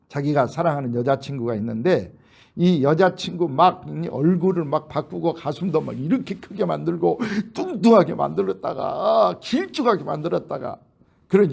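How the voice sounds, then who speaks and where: Male pastor, high voice with gravel, lively storyteller in a sermon. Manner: animated storytelling, acting out quoted voices. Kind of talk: sermon, retelling a film. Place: church.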